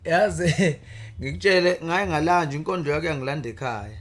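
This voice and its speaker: A man's voice: a little high, a little fast, a bit bright. A man with a Zulu accent telling his own story conversationally as an interview guest. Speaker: guest, poet.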